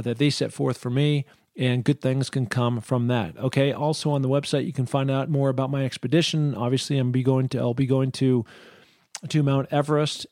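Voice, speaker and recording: A man's voice: medium pitch, darkish tone, no echo. Upbeat male podcast host, dry sound. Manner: upbeat, enthusiastic, frequent restarts. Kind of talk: casual podcast talk. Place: home studio.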